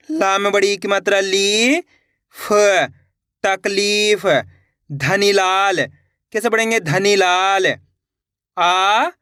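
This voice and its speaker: Male tutor, unhurried syllable-by-syllable drill, crisp voice, dry close sound. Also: sits high, sharp tone, no echo. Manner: spells words slowly syllable by syllable, then repeats; addresses viewers as friends, patient and encouraging. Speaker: Hindi reading teacher. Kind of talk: online reading lesson.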